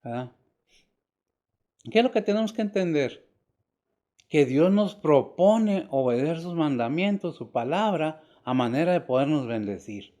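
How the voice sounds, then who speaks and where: Older male pastor, sermon delivery, mellow timbre, pitched a touch high, emphatic then hushed. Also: lively intonation, a little slow, long pauses. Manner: rhetorical questions, emphatic rises and quiet drops.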